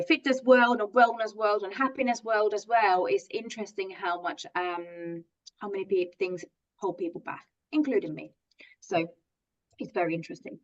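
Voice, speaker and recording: Her pitch fairly high, this positive psychology coach from Finland, a middle-aged native Finnish speaker, runs an online masterclass with eager sincerity. She fills her talk with fillers and frequent restarts. The audio has its highs cut off.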